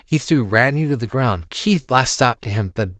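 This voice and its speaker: A man's voice: medium pitch, lively intonation, normal speed, fairly bright tone, dry recording. A man narrating a horror story, reading it aloud as a storyteller.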